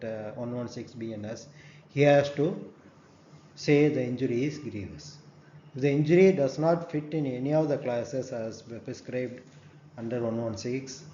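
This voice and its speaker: A man giving a recorded lecture, explaining step by step, often checking with "right?" and pausing on fillers. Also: mid-range voice, dark tone. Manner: many "uh" fillers. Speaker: forensic medicine lecturer. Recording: dull echoey room recording, faint hum.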